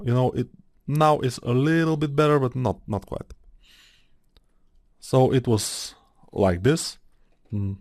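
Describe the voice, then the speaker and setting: Working through a modeling tutorial, this Eastern European-accented man chats in a meandering, filler-heavy way as he thinks out loud. He has a medium-pitched, slightly mellow voice, captured dry with clean studio sound.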